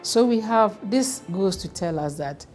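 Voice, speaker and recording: A woman's voice: medium pitch, lively intonation, measured pace, darkish tone, faint music behind. A Ghanaian woman, a foundation official, speaking in an interview with open emotion. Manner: emotional, addresses interviewer by name.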